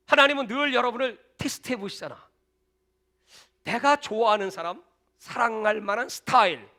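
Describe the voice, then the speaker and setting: A man preaching a sermon with a high voice. He sounds bright and forceful. His delivery is emphatic and casual, and he mixes anecdotes into the preaching. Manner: emphatic, colloquial, storytelling. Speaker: pastor.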